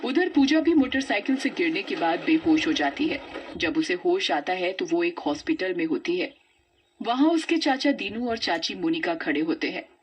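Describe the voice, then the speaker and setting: Woman narrating a cartoon story, steady, bit of hiss. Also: on the low side, moderate pace.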